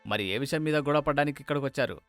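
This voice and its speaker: A man's voice: fairly high pitch, racing, a bit bright, no room sound, faint music behind, natural voice. A man voicing a puzzled, defensive middle-aged schoolteacher in a cartoon story. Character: calm middle-aged male schoolteacher, bewildered.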